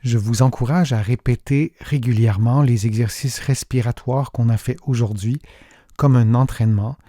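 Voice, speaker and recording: A man guiding a breathing exercise in a calm, soothing and deliberate way, with a soft, slightly husky voice and pauses between phrases. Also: medium pitch, no echo, clean studio sound. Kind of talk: guided breathing meditation narration. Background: music.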